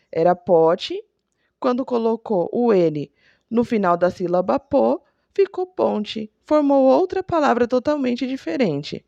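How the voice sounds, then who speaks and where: A woman teacher walks young pupils through textbook exercises at a very slow, patient pace, giving examples for each step. Her voice is warm and gravelly, and the recording is dry and dull. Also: mid-range voice, no echo. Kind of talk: remote school lesson, reading textbook exercises. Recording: dull lo-fi sound.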